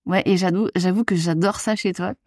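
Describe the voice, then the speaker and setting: A woman's voice: on the low side, steady tone, a little fast, a little mellow, no echo. Podcast host lady, playful friendly chat, dry sound.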